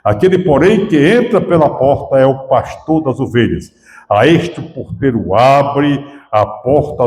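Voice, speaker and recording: A man's voice: mid-range voice, darkish tone. A male pastor with a Brazilian Portuguese accent, preaching a sermon in a church with fervor that rises and falls. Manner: preaching with rising and falling fervor. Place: church sanctuary. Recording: echoey church hall with long reverb.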